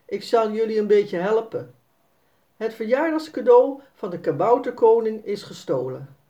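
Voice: medium pitch, lively intonation, normal speed, mellow, muffled recording, voice pushed up, close to an everyday voice. A storyteller voicing a kind, playful mother explaining a game.

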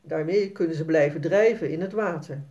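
A woman narrating a children's story read aloud in a clear storytelling manner. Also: deep voice, normal speed, dark tone, dull audio.

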